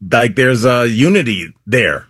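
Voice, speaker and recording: A man's voice: medium pitch, animated, a little slow, a bit bright, breathy edge, no room sound, clean studio sound. A man, a comedian guesting on a talk show, telling stories in a loose rambling way full of fillers. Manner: rambling, filler-heavy storytelling. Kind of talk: casual talk show chat.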